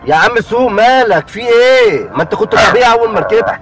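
A man's voice: high voice, very animated, fast. A man with an Egyptian Arabic accent, riding as a taxi passenger, agitated and pleading to be let out. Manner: agitated, pleading, repeatedly asking what is wrong. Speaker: prank victim, taxi passenger. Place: inside a car.

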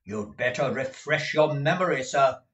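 A man's voice: mid-range voice, normal speed, a bit bright, far from the mic, dull audio, pitched above the performer's own voice, natural voice. A man voicing a harsh, impatient moneylender who speaks in curt commands. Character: harsh impatient middle-aged male moneylender.

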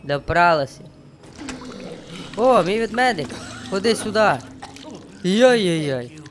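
A young man, a let's play streamer, jokes around and talks to the game and his viewers as he plays, giving playful gameplay commentary. His voice is high-pitched with lively intonation and a slightly slow pace, over a little background noise.

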